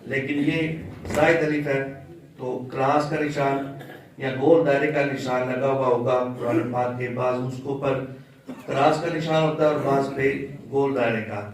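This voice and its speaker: A man teaching Quran recitation in a patient, step-by-step way, chanting example words slowly. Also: medium pitch, fairly even intonation, very echoey, far from the mic, rough recording. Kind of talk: slow religious lesson with chanted examples.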